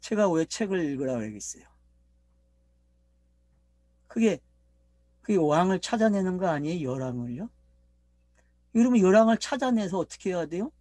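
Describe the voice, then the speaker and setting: Korean pastor preaching with rising and falling pitch. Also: male voice, big pitch swings, normal speed, long pauses, no echo. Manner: preaching, asking the congregation questions, with big swings in pitch and loudness. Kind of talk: sermon.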